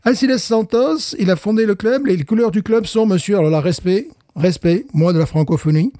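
A man co-hosts a podcast in loose, playful chat. He jokes, clowns a little and laughs often. His voice sits a bit high and mellow, recorded dry and close. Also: moderate pace, no room sound. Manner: jokey, theatrical, laughs often. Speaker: podcast co-host; teacher of young pupils.

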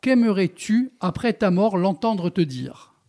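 A man's voice: high-pitched, big pitch swings, a little slow, warm tone. A man hosting a radio show, running a questionnaire with a guest in a jovial, chatty way and laughing often. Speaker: radio host.

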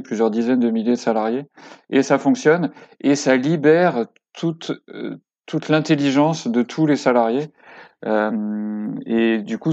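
A man's voice: mid-range voice, darkish tone, muffled recording. A man speaking as a guest on a casual podcast interview, hesitant with many fillers and restarts but enthusiastic. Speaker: podcast guest, workshop co-creator.

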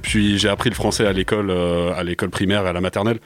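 This man's voice sits low, with a steady tone and a racing pace. He's a rapper guest in his twenties from France, a native English speaker, hesitating and using many fillers as he answers a radio interview in the studio.

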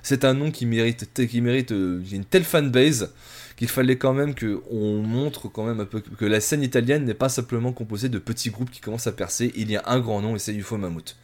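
A man's voice: mid-range voice, a little fast, darkish tone. A man hosting a music podcast, reviewing a band in a rambling, self-mocking, filler-heavy way.

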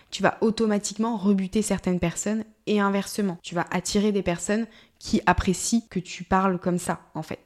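A woman's voice: mid-range voice, darkish tone. A woman hosts a solo business podcast. Her tone is friendly and informal as she walks the listener through advice step by step, like a coach talking to one person. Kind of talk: casual solo podcast teaching.

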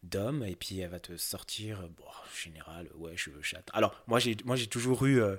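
A young Frenchman answers interview questions in a low, unhurried voice. He hesitates a lot, piling up fillers and restarting sentences as he searches for the right words.

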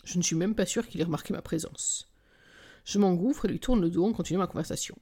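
A woman's voice: lowish voice, fast talker, warm tone, husky. A woman reading a romance novel in the first person, with wry, intimate storytelling that sometimes drops to a whisper. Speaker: audiobook narrator.

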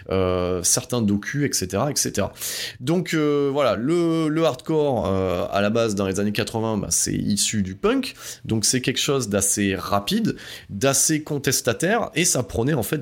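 Male podcast host, casual and rambling, a slightly low voice with grit. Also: vocal fry. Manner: loose and rambling, many fillers and asides. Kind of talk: casual music podcast monologue.

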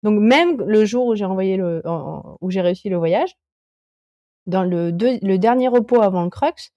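A woman's voice: mid-range voice, moderate pace, dark tone, dry recording, highs cut off. A woman in her thirties, a climber guest on a podcast, chatting casually and hesitantly with many fillers and restarts. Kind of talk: casual interview chat.

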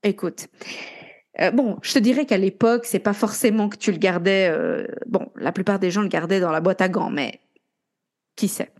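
A woman's voice: medium pitch, moderate pace, darkish tone. A young woman co-hosting a podcast, casually retelling a true-crime story and chatting along with her co-host. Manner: chatty, retells events with quoted dialogue.

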